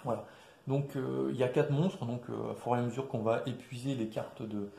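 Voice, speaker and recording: A man casually walking through a board game's rules, with many fillers and restarts, recorded quietly in an echoey room. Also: steady tone, normal speed, vocal fry. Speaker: board game presenter. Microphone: quiet distant mic. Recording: echoey room, low level.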